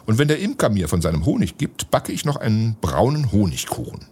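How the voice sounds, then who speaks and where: A man's voice: on the low side, sing-song, a little fast, a little mellow, husky. A man voicing a friendly, generous male baker in a storybook, speaking eagerly. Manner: eager, chiming-in speech.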